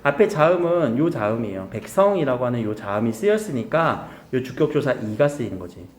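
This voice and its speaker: Man, grammar teacher, casual lecture, quick questions to students, lively intonation, echoey room. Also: medium pitch, a little hiss or hum. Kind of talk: recorded lecture to high school students.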